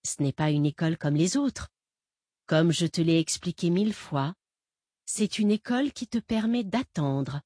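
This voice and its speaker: A woman reading an audiobook voices an impostor father who talks to a boy in a calm, condescending, soothing way. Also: on the low side, unhurried, no room sound, clean studio sound. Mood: patronizing. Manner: soft, patronizing, soothing.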